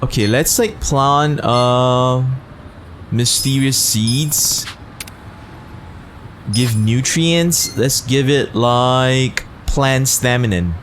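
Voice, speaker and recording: A man's voice: mid-range voice, very slow, fairly bright tone. A man hosting a casual let's play, commenting on the game in a slangy, profane way. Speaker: gaming video host. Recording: noisy game sound behind.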